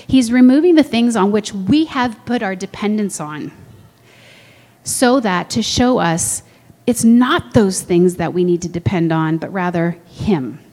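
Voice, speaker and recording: A woman's voice: unhurried, a little mellow. A woman preaching a sermon in a conversational way, asking the room questions and acting out quoted voices. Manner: acts out quoted voices with big pitch jumps. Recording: long hall reverb.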